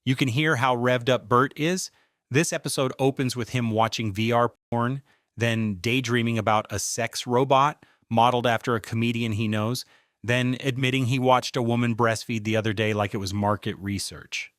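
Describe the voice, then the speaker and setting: A man's voice: medium pitch, steady tone, normal speed, fairly bright tone, dry recording. A man reading scripted commentary in a dry, sarcastic tone. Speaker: commentary host.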